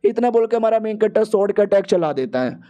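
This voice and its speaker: A man's voice: high voice, animated, fast, warm tone. A man casually retelling a comic story in a slangy, playful way. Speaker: story recapper.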